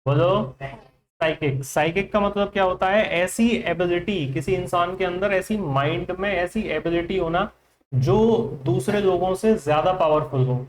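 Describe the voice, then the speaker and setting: In a Hindi-language classroom lesson on English vocabulary, a high-voiced man with an Indian accent keeps quizzing his students with repeated questions. Slight background noise is audible.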